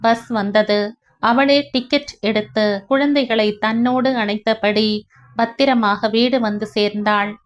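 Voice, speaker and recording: Slow, high-voiced woman narrating a story. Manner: slow, even, emotional reading. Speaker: audiobook narrator. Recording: dull lo-fi recording.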